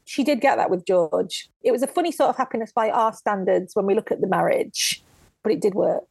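Lively woman telling history stories. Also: medium pitch, brisk, vocal fry, husky, no echo. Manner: lively storyteller who acts out quotes. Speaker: guest author and historian. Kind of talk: casual podcast interview.

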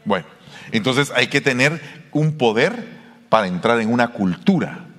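A man with a Mexican Spanish accent preaches a sermon, talking to his listeners as in a conversation. His pitch swings widely as he keeps asking them questions. His voice rings in the long reverb of a hall. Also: expressive, unhurried, a bit bright. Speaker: pastor.

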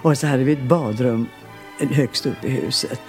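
Soft music plays behind an older woman whose voice is extremely low in pitch. She's a singer from Skåne, southern Sweden, giving an interview full of lively, meandering anecdotes, and she laughs readily as she tells them.

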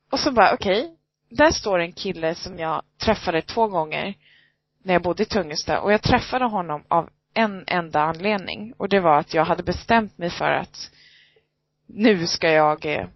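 In a casual chat, a woman with a lowish voice tells stories and acts out other people's lines as she goes. The recording is dry with no room sound and has a slightly dull lo-fi quality.

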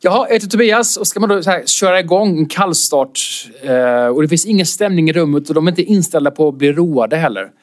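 A man, a comedian, telling an anecdote in casual chat and acting out quotes with sudden high-pitched outbursts. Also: expressive, hardly any pauses. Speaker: comedian guest.

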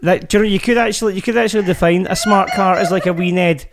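A man's voice: sits high, fairly even intonation, fast, very noisy. A man with a Glaswegian accent, co-hosting a casual parenting podcast and joking around. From Scotland. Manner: jokey, puts on silly accents, laughs often. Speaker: podcast co-host. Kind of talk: casual chat.

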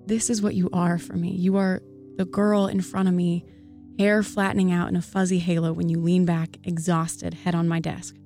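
Give me a woman reading a love poem aloud, earnest and soft, with a warm, low voice and light music behind her. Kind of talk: spoken-word poetry reading. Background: faint background music.

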